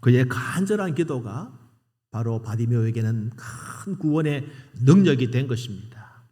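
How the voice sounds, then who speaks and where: A male pastor delivers a sermon in a dramatic storytelling manner at a middle pitch. His voice rings with a long reverb through a church sanctuary. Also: expressive, a little slow. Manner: dramatic storytelling with loud quoted cries.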